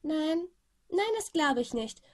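A woman voicing an overexcited Polish teenage boy who rambles on and on, with a slightly husky voice. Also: high voice, expressive, takes it slowly, a little mellow, voice pushed up. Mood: insistent.

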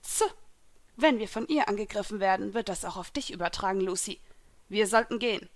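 A curt, hot-tempered mermaid spirit who hisses and snaps her words, as a woman narrator puts her on. She sounds sharp and impatient, a fiery fantasy spirit from a storybook. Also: mid-range voice, fairly quick, dry recording, close to an everyday voice. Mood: urgent. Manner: hissing, curt.

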